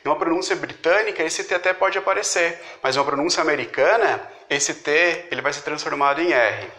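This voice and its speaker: A man whose first language is Portuguese explains pronunciation as a tutor, repeating example words slowly and deliberately. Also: a little high, pushed and bright, roomy sound. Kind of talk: instructional explanation.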